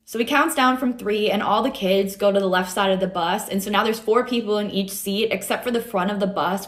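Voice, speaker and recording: A young woman from the United States telling a school story in a chatty, wry way. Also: medium pitch. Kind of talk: casual storytime. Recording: roomy echo.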